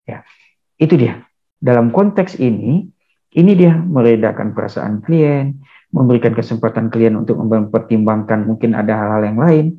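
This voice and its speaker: A man lecturing on counseling, calm and measured, acting out what counselor and client say. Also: mid-range voice. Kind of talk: lecture with acted counseling examples. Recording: dull lo-fi recording.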